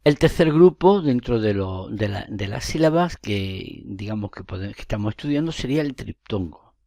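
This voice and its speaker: A man's voice: lowish voice, expressive, moderate pace, creaky, warm tone, dry recording, studio quality. A man teaching a grammar lesson, explaining step by step, correcting himself and checking in with his listeners.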